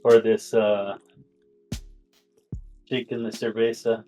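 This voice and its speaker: Young man, lowish voice, laid-back casual chat, says "dude" a lot, faint music behind. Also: flat delivery, takes it slowly, mellow. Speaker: co-host, cousin.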